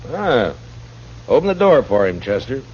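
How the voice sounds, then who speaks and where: A man playing a steady, dry-spoken frontier marshal in an old radio drama. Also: mid-range voice, moderate pace, a little hiss or hum, natural voice. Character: calm, tough frontier lawman, grown man. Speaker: lead actor as U.S. marshal. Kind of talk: 1950s radio drama acting. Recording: muffled old radio broadcast.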